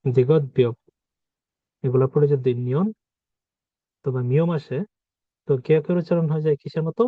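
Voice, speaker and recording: A man's voice: medium pitch, dry recording. Male language teacher, patient, repeats examples; dry, phone-thin recording. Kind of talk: explaining pronunciation rules. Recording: dry, phone-like narrow sound.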